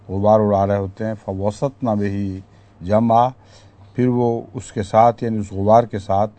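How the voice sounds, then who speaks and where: A man's voice: fairly low pitch, mellow. A man teaching a class, explaining verses one by one and stopping to put questions to his listeners.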